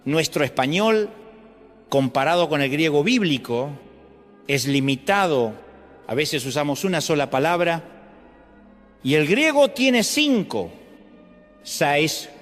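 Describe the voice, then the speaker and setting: A man with an Argentine accent, a pastor delivering an animated sermon to his congregation. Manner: animated preaching with sweeping pitch jumps. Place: large church auditorium. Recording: long hall reverb with faint music. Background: faint music.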